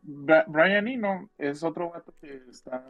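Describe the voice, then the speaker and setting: Talking films and music in casual slang, a co-host with a northern Mexican accent wanders from point to point and says the same phrases again. He speaks at a measured pace in a fairly high voice, while the dull audio carries music in the background.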